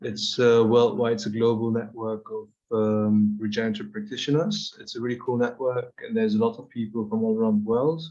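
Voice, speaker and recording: A man in his twenties talking casually on a video call, hesitant and flat. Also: on the low side, a little fast, few pauses. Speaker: permaculture project partner. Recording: dull, muffled video call audio.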